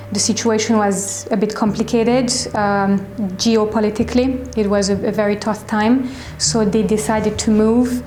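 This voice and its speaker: A woman in her twenties with a French accent, a shop owner answering interview questions in a reflective way, often pausing and restarting. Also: medium pitch, darkish tone, slight background noise. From France. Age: 20s. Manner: reflective, hesitant with fillers and restarts. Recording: echoey room.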